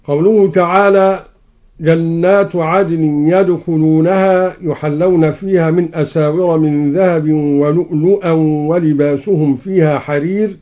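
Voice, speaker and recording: A man from Egypt explains variant readings of scripture in a measured, precise way and chants each example slowly, heard on an old radio recording. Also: a little high, fairly even intonation, lo-fi sound. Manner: measured, precise, switching between plain explanation and slow chanting. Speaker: Quran reciter and teacher.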